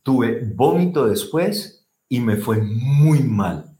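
Here the coach's medium-pitched voice sounds warm, expressive and slow. Interviewed as a guest, he animatedly explains speaking technique and emphasizes words by way of demonstration, with a roomy echo around him.

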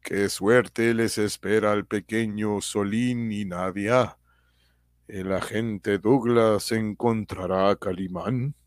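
A man acting as a dramatic old radio serial announcer, with slow, suspenseful, theatrical delivery. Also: on the low side, fairly even intonation, no echo, studio quality. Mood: ominous suspense.

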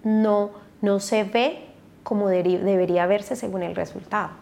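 Gravelly-voiced woman telling her story. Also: mid-range voice, steady tone, darkish tone. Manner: halting, many restarts and fillers. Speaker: podcast guest, mother. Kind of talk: emotional personal storytelling.

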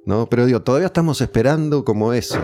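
A man's voice: mid-range voice, very fast, dark tone. A man with a Rioplatense Spanish accent giving blunt, sardonic opinions in a casual conversation. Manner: opinionated, sardonic, acts out other people's voices.

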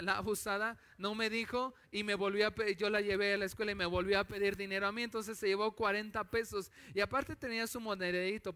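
Bright high-voiced Mexican pastor. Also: male voice, clean tone. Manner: anecdotal, chatty storytelling. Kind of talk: conversational sermon.

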